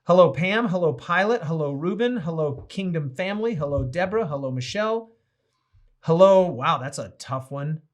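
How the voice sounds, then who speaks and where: High-voiced upbeat male pastor. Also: expressive, normal speed. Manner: upbeat, greets viewers by name. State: tired. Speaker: host and pastor. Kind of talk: casual livestream chat.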